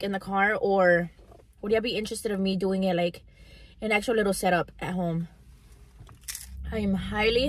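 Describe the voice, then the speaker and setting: Young female mukbang vlogger, mid-pitched voice, casual eating-show chat recorded inside a car. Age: young adult.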